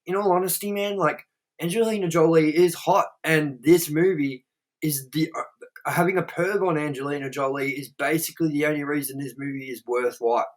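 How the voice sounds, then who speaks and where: This podcast co-host is a man with a slightly high voice, speaking at a moderate pace in a steady tone. He chats casually and at length, rambling with plenty of fillers and swearing.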